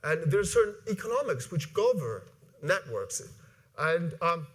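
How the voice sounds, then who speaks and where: A man in his forties from Iceland, giving an animated conference talk from a stage, with many fillers and restarts. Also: a little high, normal speed. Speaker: conference speaker. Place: large conference hall with audience. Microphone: lapel mic.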